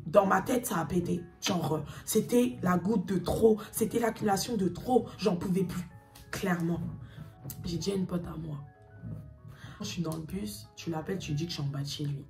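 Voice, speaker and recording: A young woman telling a personal story to her viewers in a casual, animated, slangy and emphatic way. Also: medium pitch, gravelly, distant mic.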